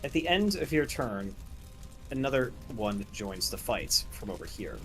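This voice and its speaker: A man's voice: medium pitch, sing-song, measured pace, a bit bright, soft background music. A man running a tabletop role-playing game as game master, describing monsters and explaining rules.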